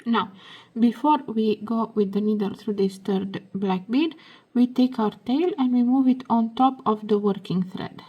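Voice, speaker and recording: A woman hosting a beading tutorial, giving soft step-by-step instructions, her voice hoarse as if she is losing it. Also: a little high, muffled recording. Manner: soft, slow, half-whispered while working.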